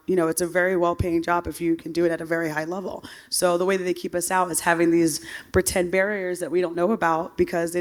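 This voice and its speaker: A woman giving earnest personal testimony in a panel discussion, often saying "you know". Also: lowish voice. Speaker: panelist, sports referee.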